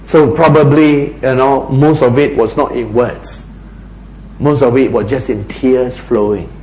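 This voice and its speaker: A man preaching a sermon in a slow, dramatic way, sometimes dropping almost to a whisper for emphasis. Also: steady tone, darkish tone, slight background noise, poor audio. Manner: slow, dramatic delivery with big pitch swings, dropping to near-whispers for emphasis.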